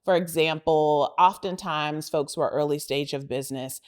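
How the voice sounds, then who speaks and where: A woman's voice: low-pitched, normal speed, clean tone. A woman hosting a podcast interview, asking open questions and affirming her guest. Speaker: podcast host.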